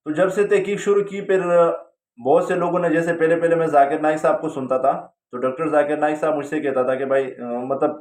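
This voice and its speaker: A man's voice: a little high, steady tone, darkish tone. A man casually telling a personal story, rambling, with frequent hesitations. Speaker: storyteller recounting his religious journey. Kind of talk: casual spoken testimony. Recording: roomy, distant from the mic.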